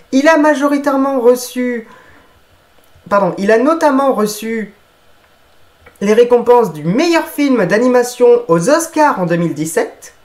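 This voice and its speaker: Slow, careful man reading a script. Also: very high voice, darkish tone. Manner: careful reading with small self-corrections. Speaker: film review presenter. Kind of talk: scripted narration.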